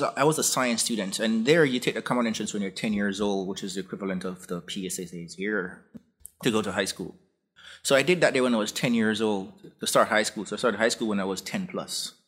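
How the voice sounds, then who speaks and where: A Jamaican man in his forties, a guest professor, tells his story in a relaxed, rambling way that often restarts. His voice is slightly low and husky, with a breathy edge. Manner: relaxed, anecdotal, frequent restarts. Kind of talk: conversational interview storytelling.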